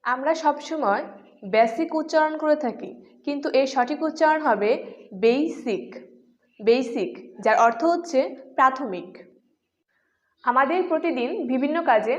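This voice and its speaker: A woman narrating a scripted pronunciation lesson, saying words slowly and deliberately. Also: high-pitched. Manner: slow, deliberate repetition of words. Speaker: English pronunciation teacher. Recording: dull lo-fi sound.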